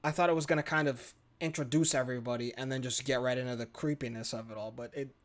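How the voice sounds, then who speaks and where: A medium-pitched male host reads a horror visual novel aloud at a quick pace, giving it a theatrical, expressive flair. He tosses in casual commentary while game music plays.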